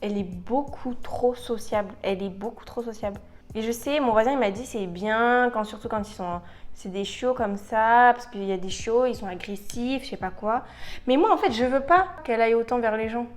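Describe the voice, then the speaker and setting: A woman's voice: a little high, moderate pace. Chatty young woman doing her makeup. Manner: chatty, mixes English phrases, dramatic outbursts. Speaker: beauty vlogger. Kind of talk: casual makeup tutorial chat.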